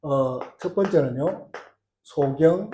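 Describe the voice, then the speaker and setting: A man's voice: fairly high pitch, slow, mellow, slight background noise. A man preaching a sermon as pastor, telling a story with frequent "uh" fillers and building force. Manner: storytelling, acting out quoted cries with rising force. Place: church sanctuary.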